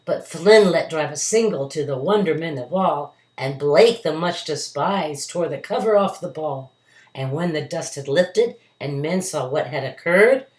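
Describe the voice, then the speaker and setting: Low-voiced woman reading dramatically to children, roomy echo. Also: darkish tone. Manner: dramatic, emphatic delivery with acted character voices. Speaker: storyteller reading a picture book to children. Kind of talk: expressive read-aloud of a verse story for children. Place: indoors at home. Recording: roomy, echoey home recording.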